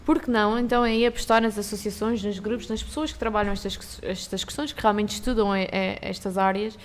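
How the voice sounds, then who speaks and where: A woman's voice: medium pitch, fairly even intonation, brisk, slight background noise. A woman with a European Portuguese accent, co-hosting a casual chat and explaining her views earnestly.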